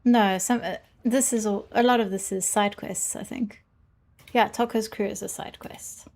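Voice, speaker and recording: A woman's voice: medium pitch, fairly even intonation, moderate pace, darkish tone. A woman livestreaming a game, giving casual commentary and reading quest dialogue aloud. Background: game music.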